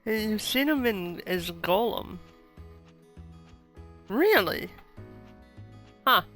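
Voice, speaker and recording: A woman streamer chats through a game, playful and quick to react. Her voice is bright and forward, with game music faintly behind it. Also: medium pitch, lively intonation. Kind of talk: casual playthrough commentary.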